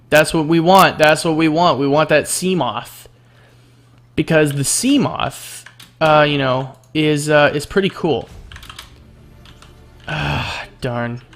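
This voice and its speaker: Gravelly, slow-talking gamer man. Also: fairly high pitch, fairly bright tone. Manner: rambling and sarcastic, full of fillers. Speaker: gaming video creator. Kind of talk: let's play commentary.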